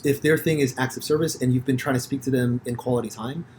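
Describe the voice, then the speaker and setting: A man from the United States hosting a podcast, telling stories in a rambling, profane, animated way with many restarts. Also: mid-range voice, fast talker, slight background noise. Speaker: podcast host. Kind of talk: casual conversation.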